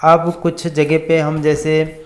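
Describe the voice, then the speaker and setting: A man teaching a grammar lesson, spelling out and repeating each word slowly as he writes examples. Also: on the high side, monotone. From India. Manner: repeats words slowly while writing examples. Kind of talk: slow classroom grammar lesson.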